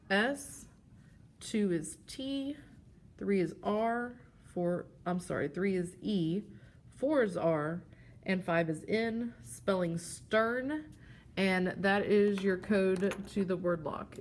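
In a mid-range voice at a slow pace, a woman teacher gives a plain, step-by-step explanation of a classroom game while displaying the props. A little hiss or hum can be heard.

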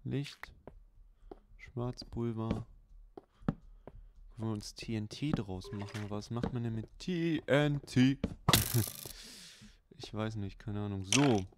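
Male let's play host, relaxed, slow and low, filler-heavy, hissy recording. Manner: unhurried, chatty running commentary with many fillers. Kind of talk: casual gameplay commentary. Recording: clear background hiss.

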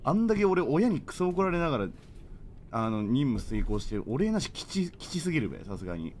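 A male streamer talks through a horror game with a slightly raised voice that jumps all over the place, shooting up into yelps and dropping to low mutters. He reacts in excitable bursts and fills the gaps with quick joking asides. Background noise sits clearly under his voice. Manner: excitable, jumpy outbursts, rapid joking asides. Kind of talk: live horror game commentary.

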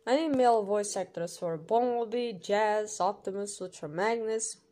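In an emphatic, instructional style, a woman plays a creator running an audition, reading through an informal scripted voice-over that explains numbered rules. She has a mid-range, mellow voice and keeps a moderate pace.

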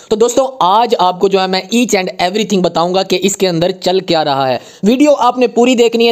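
A man giving casual screen-share commentary on an earning app, emphatic and warning, reading English text out slowly. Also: high-pitched. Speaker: YouTuber reviewing an earning app.

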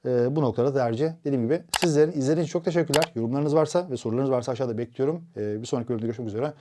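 A man's voice: mid-range voice, very fast, noisy background. A man presenting a tech product review, explaining steadily with frequent hesitation fillers.

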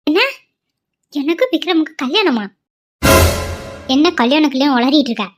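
A woman's voice: sits high, moderate pace, soft background music, close to an everyday voice. A woman voicing a stubborn, devoted young wife in a cartoon, pleading and insistent. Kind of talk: cartoon voice acting.

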